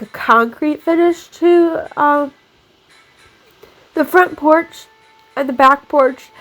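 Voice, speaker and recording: Her voice a bit high and her nose stuffed up from a cold, a young woman rambles chattily while walking through her game build, dropping "like" again and again. Faint background music plays under a rough recording.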